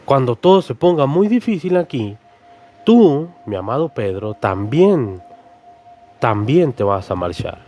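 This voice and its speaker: A man preacher voicing a calm, patient male teacher who warns his follower gently but firmly. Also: medium pitch. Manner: gentle but firm, measured warnings. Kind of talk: sermon storytelling with acted voices.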